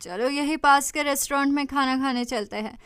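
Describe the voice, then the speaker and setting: Woman doing a young rich guy, gentle and reassuring, still high and bright. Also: moderate pace, dry recording, clean studio sound. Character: calm young man, the wealthy boss.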